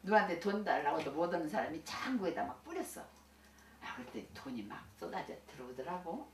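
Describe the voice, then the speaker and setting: An older woman who is a senior Buddhist minister shares stories from her life with listeners, folksy and chatty, laughing often and frequently restarting. Her fairly low voice is sing-song and fairly quick. The recording has a distant mic in an echoey room with faint hiss.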